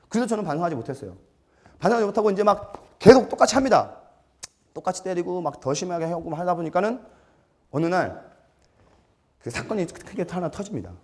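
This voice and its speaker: A man giving a storytelling seminar lecture, animated and self-mocking, acting out quotes and putting questions to his audience. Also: fairly high pitch. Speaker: lecturer for martial arts gym instructors.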